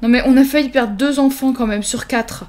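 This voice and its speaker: A young woman giving excitable let's-play commentary on a life-simulation game, teasing her characters and erupting into mock-dramatic panic. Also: high voice, a little fast. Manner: animated, exclamatory, mock-dramatic; teasing, self-mocking asides. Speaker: gaming video host.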